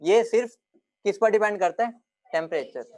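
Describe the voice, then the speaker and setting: A man's voice: high voice, normal speed, darkish tone. A young male teacher giving a classroom lecture, joking with his students and then firmly explaining points.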